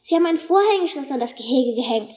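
A high, bright-voiced young guard dog, as a woman puts him on, friendly and eager in a storybook. His voice sits well above the narration. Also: lively intonation, quick pace.

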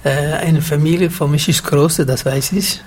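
Man, Somali accent, somewhat high voice, husky, hesitant with many fillers. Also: fairly even intonation. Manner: halting non-native German, many fillers. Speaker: interview guest. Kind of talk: radio interview answers.

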